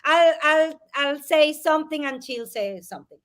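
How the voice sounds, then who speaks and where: A woman with a high, animated, expressive voice appears as a guest coach on a live video call, quick to laugh as she explains a method in a live interview. Born in Spain and raised in Venezuela, she speaks Spanish as her first language.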